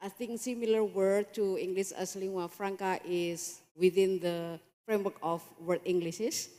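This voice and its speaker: A woman's voice: mid-range voice, steady tone, unhurried, mellow. A woman making a polite academic comment, deferential and careful with her words. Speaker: audience member commenting. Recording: echoey hall with long reverb.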